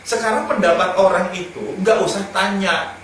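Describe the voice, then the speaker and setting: Man, fairly high voice, joking anecdotal speaker, recorded far off the mic. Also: normal speed, fairly bright tone. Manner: anecdotal, joking, chuckles between points. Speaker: speaker giving advice on self-improvement. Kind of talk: casual humorous talk. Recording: very echoey room, speaker far from mic, faint noise.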